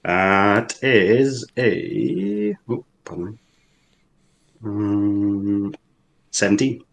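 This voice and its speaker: A man's voice: on the low side, lively intonation, drawn-out words, creaky. A man chatting and joking casually as a player in a tabletop role-playing game.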